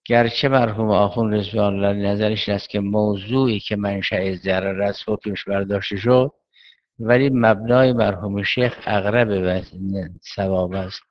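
A man with a low, steady voice gives a seminary lecture on Islamic jurisprudence. He proceeds in a measured, methodical manner, posing questions and then answering them himself. The recording sounds dull and lo-fi.

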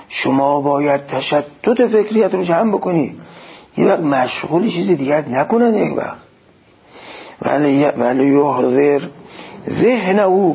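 A man's voice: on the high side, creaky, slightly rough, highs cut off. A man preaching a sermon, quoting Arabic phrases and explaining them in an exhorting tone. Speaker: cleric.

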